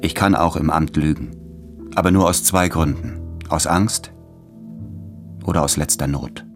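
A man's voice: rumbling low, a little slow, soft background music. An actor playing an anxious, stubborn man in a radio play, who refuses to go to his lover and speaks with tense desperation.

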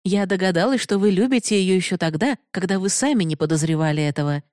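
A woman's voice: on the low side, animated, quick pace, darkish tone, no echo, clean studio sound, pitched above the performer's own voice, lightly acted. A woman voicing a proud, passionate young woman who pleads bitterly for love, raised and emotional. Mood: pleading, bitter.

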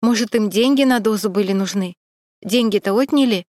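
A woman's voice: mid-range voice, fairly quick, a little mellow, no echo, studio quality, lightly acted. Know-it-all young woman, insistent and fussy, voiced by a narrator. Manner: insistent, authoritative.

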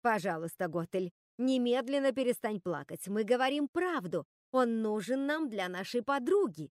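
A woman's voice: on the high side, expressive, normal speed, no echo, studio quality, close to an everyday voice. A woman voicing Lucinda, a commanding and scornful witch sister. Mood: stern. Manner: commanding, cold.

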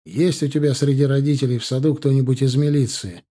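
A man's voice: mid-range voice, steady tone, fairly quick, mellow, lightly acted. A man voicing an exasperated grown son arguing with his mother, in an audiobook. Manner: irritated, pleading. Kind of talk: audiobook character voice.

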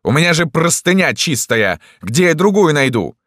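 A man's voice: on the low side, big pitch swings, unhurried, dry recording, studio quality, pitched above the performer's own voice. A man voicing a small, fussy, grey-bearded old doctor in an audiobook, petulant and absent-minded. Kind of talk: audiobook character voice.

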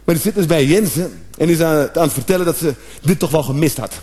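A man doing a stand-up comedy routine, animated, with sudden shouted outbursts and acted-out noises. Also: fairly high pitch, quick pace.

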